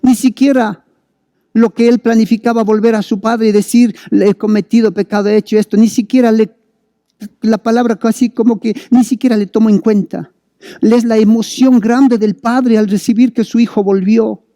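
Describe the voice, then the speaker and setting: A man's voice: very high-pitched, fairly even intonation, moderate pace, warm tone, dry recording, studio quality. A male preacher giving a sermon to listeners, urging them on with fervent, repeated calls. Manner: fervent, repetitive exhortation.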